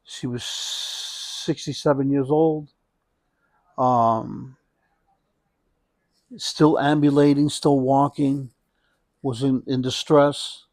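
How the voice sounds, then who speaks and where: A man speaking as a hospice nurse in a conversational interview, reflecting haltingly and often repeating and rephrasing his phrases. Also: medium pitch, flat delivery, a little mellow, dry recording.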